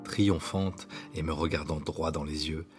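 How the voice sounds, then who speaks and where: A man with a very low voice reads his own story aloud, unhurried and intimate. His delivery stays hushed and sometimes sinks to a whisper. Clear background music plays under the narration. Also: steady tone. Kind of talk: scripted autobiographical narration.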